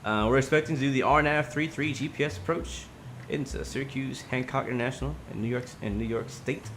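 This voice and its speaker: A man's voice: medium pitch, a little fast, fairly bright tone, a little hiss or hum. A man hosting a flight sim livestream on a headset mic, chatting casually and greeting viewers by name. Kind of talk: casual livestream chat, reading viewer comments aloud.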